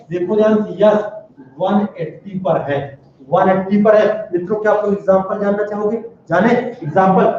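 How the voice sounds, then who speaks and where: A male chemistry teacher lectures with animated energy, firing questions at his class. His voice sits high and mellow. It is recorded from far off in a very echoey classroom, with a dull, muffled sound and faint background noise. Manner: animated, calls out questions to students. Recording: very echoey room, distant dull mic.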